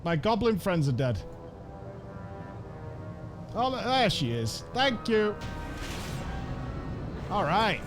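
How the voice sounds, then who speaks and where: Male gamer, casual commentary, informal and sweary, animated intonation, soft music underneath. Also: high voice, takes it slowly, pauses often. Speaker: gamer narrating his playthrough.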